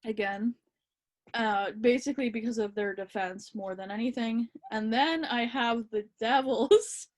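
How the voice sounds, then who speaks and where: A woman talks hockey on a casual podcast, her voice sitting a little on the high side. She is relaxed and a bit hesitant, often filling pauses with ums. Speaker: podcast co-host.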